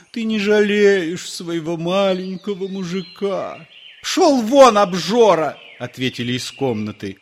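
Expressive male audiobook narrator. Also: medium pitch. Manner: expressive, measured reading. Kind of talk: scripted narration of a novel.

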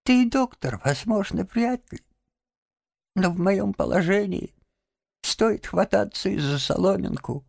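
A man voicing a self-pitying, theatrical male toad in an audiobook, with a creaky, sing-song pleading voice. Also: mid-range voice, wildly swooping pitch, normal speed, no echo, studio quality, voice pushed up. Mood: mournful. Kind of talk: audiobook character voice.

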